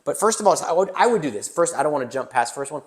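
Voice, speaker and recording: A man hosting a casual business podcast from a new studio, animated and joking, with mild swearing. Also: a little high, very fast. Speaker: podcast host. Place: newly built indoor studio.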